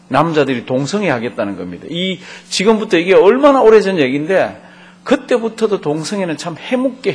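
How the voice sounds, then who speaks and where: A middle-aged male pastor teaching a Bible class, telling the story with lively asides and questions to the congregation. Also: a little high, slightly rough.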